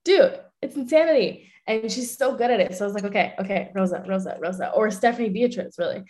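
In a relaxed interview, a young woman who voices characters and manages social media speaks frankly in rapid bursts, cursing without hesitation. French is her native tongue and her accent shows, and her voice has a medium pitch with a darkish tone.

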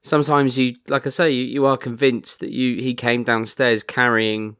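A man's voice: mid-range voice, flat delivery, a bit bright, clean tone, no room sound. Wry man co-hosting, dry close sound. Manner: wry, quick to exclaim, stammers on restarts. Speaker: podcast co-host. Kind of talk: casual chat.

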